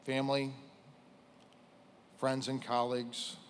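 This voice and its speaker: A police chief, a middle-aged American man, gives a prepared eulogy at a funeral in a medium-pitched voice, solemn and formal, in short, measured phrases with a completely flat delivery. He speaks into a lectern microphone on a stage, with some noise in the background.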